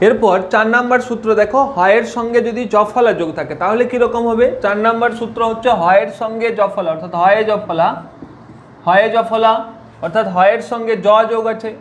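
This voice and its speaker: A man's voice: high voice, steady tone, fairly quick, slight background noise. A man teaching a spelling and pronunciation lesson, repeating each point and asking questions that he answers himself. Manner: repetitive, asks questions and answers them himself.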